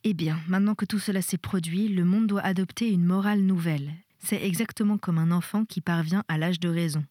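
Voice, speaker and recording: A woman reading the part of a weary middle-aged husband who lectures his wife in a measured, insistent way. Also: sits high, fairly even intonation, a little mellow, dry recording, studio quality, lightly acted. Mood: lecturing.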